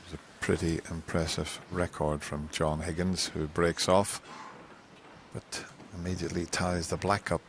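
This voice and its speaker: A man giving hushed live snooker commentary in a measured, understated way, with unhurried phrasing. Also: low voice, little pitch movement. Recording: live broadcast with faint arena noise.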